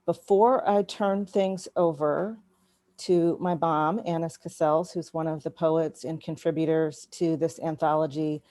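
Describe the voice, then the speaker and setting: A woman's voice: sits low, dark tone. A woman hosting an online poetry reading, opening it with conversational remarks over a video call. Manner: conversational, storytelling. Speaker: event organizer and host.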